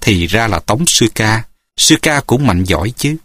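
A man's voice: fairly low pitch, lively intonation, measured pace, fairly bright tone, no room sound, clean studio sound, pitched below the performer's own voice. A male storyteller voicing an earnest, courteous young hero in a martial-arts audiobook.

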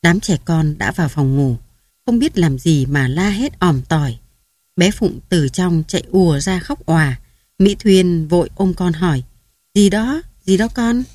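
A woman narrating a romance novel in an even storytelling manner. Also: low voice, measured pace, no room sound, studio quality. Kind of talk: audiobook novel reading.

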